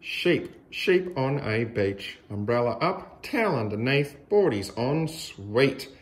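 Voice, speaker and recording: With a medium pitch and a sing-song lilt, an Australian man reads a picture book to young children, deliberately and with overdone emphasis.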